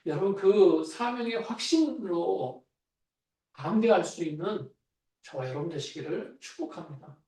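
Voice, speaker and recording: A man's voice: high-pitched, animated, unhurried, dark tone. A man preaching a sermon as pastor, speaking in a conversational way and asking the congregation questions. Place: church sanctuary. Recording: echoey church hall, voice from far off.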